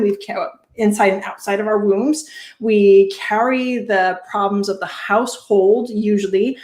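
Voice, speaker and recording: A woman's voice: medium pitch, roomy sound. A woman in her thirties co-hosting a casual live chat show over a video call. She talks chattily, laughs often and restarts her sentences.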